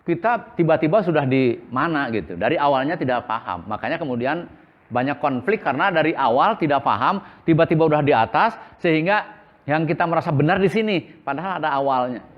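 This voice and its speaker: A man's voice: fairly high pitch, expressive, a little fast, dull audio. A man teaching a religious school class, asking questions and answering them himself in a repetitive call-and-response way. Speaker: Islamic boarding school teacher.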